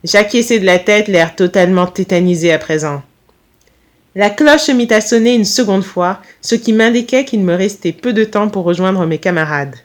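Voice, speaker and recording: A woman reading her own first-person short story aloud in a calm, measured, reflective manner. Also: mid-range voice.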